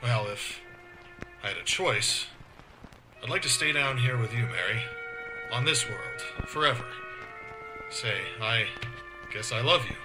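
A man's voice: mid-range voice, animated, measured pace, long pauses, lightly acted, low-quality recording. A man acting an earnest, protective young romantic in a 1940s-set sci-fi radio drama, with music behind him.

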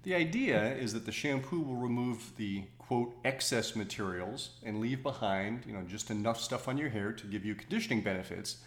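A man co-hosting a podcast in casual chat, teasing with dry humor. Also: lowish voice. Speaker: podcast co-host. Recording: roomy echo.

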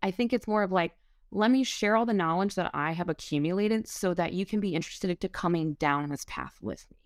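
A woman's voice: lowish voice, a little fast, no echo, studio quality. A woman who is a restaurant wine director, answering an interview question in a rambling way with many fillers and restarts.

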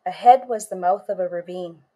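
A woman author and storyteller reading a first-person story in a measured way, lingering on images. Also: fairly low pitch, warm tone, husky.

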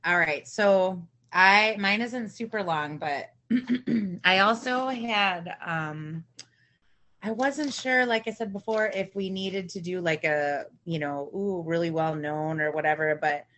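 Low-voiced hesitant woman. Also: takes it slowly, a bit bright. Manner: hesitant, hedging with fillers. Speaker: podcast co-host. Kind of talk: casual chat.

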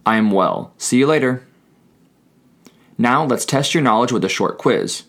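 A man hosting a scripted language lesson, switching between English and Spanish in a measured way, with prompts and repeated phrases. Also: mid-range voice, expressive, a bit bright.

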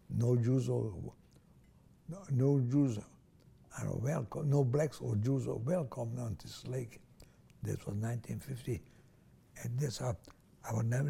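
A native Hungarian speaker from Transylvania, Romania, this older man looks back on his life for an oral history interview, hesitating and restarting many times. His mid-range voice is warm, gravelly and husky, with a little hiss or hum in the recording.

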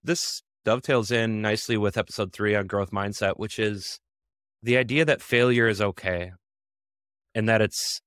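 A man's voice: on the low side, fairly bright tone, no room sound, clean studio sound. A man hosting a casual podcast, upbeat and chatty, often laughing as he talks. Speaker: podcast host.

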